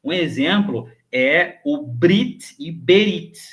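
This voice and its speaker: Man, slow and unhurried: a patient teacher who repeats every term and hesitates as he thinks aloud. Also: a little high, expressive. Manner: patient, repeats each word slowly, ends phrases with "tá?". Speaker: Hebrew teacher. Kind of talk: recorded online grammar lesson.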